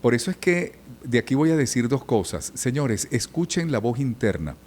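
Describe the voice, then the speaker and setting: A man's voice: medium pitch, moderate pace, a little hiss or hum. A middle-aged man, a journalist and radio announcer, telling stories in a conversational podcast interview. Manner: storytelling, animated, imitates old radio announcers.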